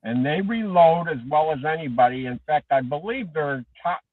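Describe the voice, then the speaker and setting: A man calling in to a sports talk show over a phone headset, his voice muffled as if heard through a wall, talking haltingly with many ums and restarts. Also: fairly high pitch, lively intonation, dry recording. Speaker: caller. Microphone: Bluetooth phone headset. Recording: muffled far-off phone line.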